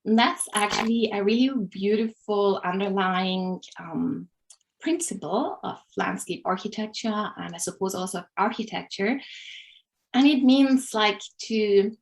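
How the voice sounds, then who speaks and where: A woman's voice: medium pitch, unhurried, vocal fry. Hesitant Austrian-born woman presenter. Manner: thoughtful, with frequent hesitations. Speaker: landscape architect tour guide. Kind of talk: casual presentation.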